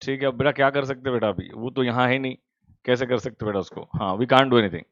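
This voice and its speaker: A male commerce teacher, at home, in casual chat with students before an online class, teasing them warmly. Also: medium pitch, brisk, no echo. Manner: teasing, affectionate, calls students beta. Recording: dull, dry lo-fi sound.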